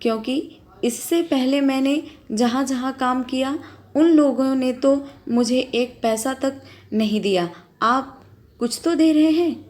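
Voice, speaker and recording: A woman's voice: high voice, slow pace, darkish tone. A woman voicing a timid, frightened young governess who answers her employer meekly. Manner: meek, fearful.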